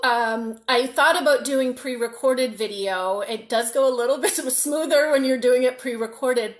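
An upbeat woman coach from the North Shore of Boston, Massachusetts, leads a live-stream workshop from a room in her home. Her voice is on the high side and a bit bright. She greets viewers by name and sometimes restarts words.

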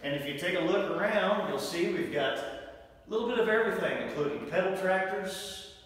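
With an expressive, brisk, high and slightly bright voice, a middle-aged auctioneer leads a cheerful sales walkthrough of goods in a big barn and an indoor toy room, where the sound echoes with long reverb.

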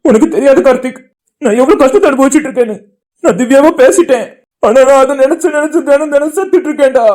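A guilt-ridden, heartbroken young man in a cartoon, voiced by a woman. The lines come out fast and pained, each one pleading. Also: high-pitched, darkish tone, faint music behind, natural voice. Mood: despairing. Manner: anguished, pleading speech.

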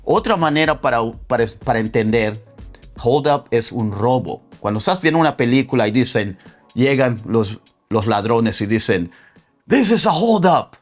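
Man, mid pitch, bilingual teacher; repeats model sentences slowly, acts out examples; faint backing music. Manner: slow, deliberate model sentences repeated for learners; acts out lively example phrases in a raised voice. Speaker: English teacher. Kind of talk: bilingual language lesson.

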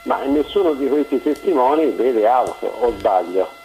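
A man calling in to a talk show over a phone line, speaking haltingly with many pauses and tag questions. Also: mid-range voice, sing-song, warm tone, a little hiss or hum. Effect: heard over a phone line. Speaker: caller. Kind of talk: call-in discussion.

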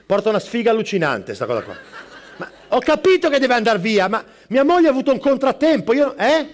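A man on stage playing a frazzled middle-aged barista who rattles off rapid replies to customers and phone calls, swearing under his breath. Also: extremely high pitch, big pitch swings. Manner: rapid-fire, juggling customers and calls, snapping asides. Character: frazzled middle-aged male barista, harried and foul-mouthed. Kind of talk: live stand-up character sketch. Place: live stage performance.

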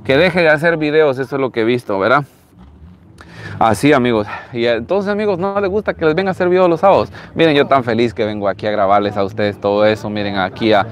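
Latin american spanish guy in his 30s, chatty live vlog outside on his phone, repeats himself a lot, medium pitch. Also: slight background noise. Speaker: live-stream host. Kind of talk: casual live vlog commentary, showing used cars. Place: outdoors in an open car lot. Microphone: handheld phone at arm's length.

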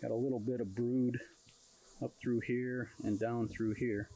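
A man's voice: mid-range voice, little pitch movement, a little slow, gravelly, warm tone, low-quality recording. A man narrating a casual homestead vlog in an easygoing, matter-of-fact way, recorded outdoors by his beehives. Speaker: homesteading vlogger.

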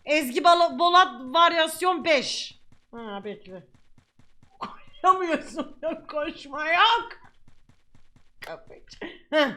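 A woman YouTuber commentating a game she is playing, excitable, shouting at the game and laughing often. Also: high voice, takes it slowly, long pauses. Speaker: gaming YouTuber. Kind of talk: let's play commentary.

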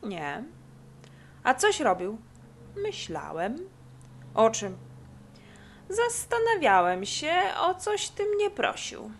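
Woman reading lazy sleepy boy, slow drawl, high voice, storybook. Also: huge pitch swings, slight background noise, exaggerated voice.

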